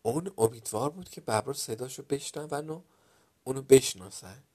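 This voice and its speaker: A man narrating a children's story dramatically, dropping to a hush at some moments and getting loud at others. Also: medium pitch, animated. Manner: dramatic, loudness swinging from hushed to loud.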